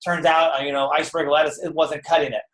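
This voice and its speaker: A man giving casual, energetic network marketing training on a live stream, chatty and filled with "okay" and "right". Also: fairly high pitch, fast talker. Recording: echoey room.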